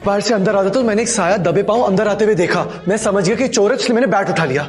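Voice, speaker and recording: Brief: defensive, flustered man, actor, quick earnest delivery. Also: high voice, soft background music, natural voice. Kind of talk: TV drama acting.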